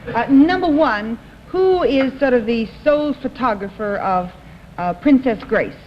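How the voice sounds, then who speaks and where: A woman's voice: fairly high pitch, animated, measured pace, slight background noise. A woman on a 1960s television panel show questioning contestants politely and probingly. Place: TV studio. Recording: dull, reverberant vintage TV studio audio.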